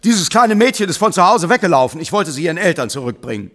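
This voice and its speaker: A man voicing a flustered grown man in a storybook reading, protesting loudly in a raised voice. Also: a little high, wildly swooping pitch, fairly quick, long reverb tail, pitched above the performer's own voice, exaggerated voice. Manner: loud protesting.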